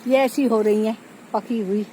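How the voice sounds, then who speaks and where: Warm in tone, slightly high and fairly even in intonation, a village vlogger speaks unhurriedly while touring her farm, chatting to viewers and pointing things out. It's a casual walking-tour vlog recorded outdoors on a phone, with poor audio and faint outdoor noise.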